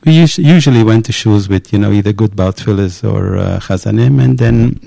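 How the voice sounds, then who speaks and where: A man who is a cantor, raised in the United States, talking about his background in a casual interview in an unhurried way with occasional fillers. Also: lowish voice, creaky, warm tone, dry recording.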